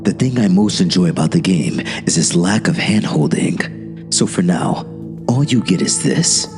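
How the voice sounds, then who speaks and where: A man voicing a smug, deliberate male devil who lectures in a monotone, in a horror story reading. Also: sits low. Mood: smug lecturing. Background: music.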